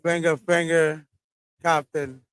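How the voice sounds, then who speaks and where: Outdoors in a beachside parking lot, a man hosts a casual live stream, chatting and giving shout-outs while repeating his phrases and occasionally slipping into Spanish. His voice is a little high and fairly bright, delivered slowly in a level tone. The sound is clean, with no echo.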